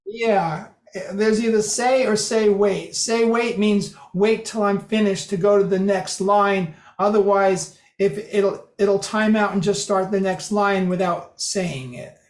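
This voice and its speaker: In a meeting room whose roomy echo clings to every word, a presenter slowly walks a group through a code demo. The middling-pitched voice stays steady in tone while the loose explanation keeps restarting and correcting itself.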